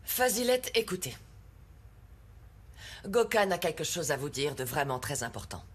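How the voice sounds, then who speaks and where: An actress dubbing a haughty, scheming wife in a TV soap, goading others in a cutting, insistent way. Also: female voice, sits low, very animated, moderate pace, breathy edge, heavily acted. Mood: smug goading. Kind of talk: dubbed TV soap drama acting. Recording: dramatic music under studio dub.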